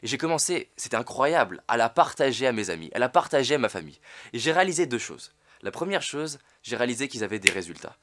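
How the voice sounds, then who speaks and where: A man's voice: mid-range voice, sing-song, quick pace, fairly bright tone. A young man presenting a confidence course, speaking earnestly to the viewer and asking rhetorical questions. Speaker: confidence coach.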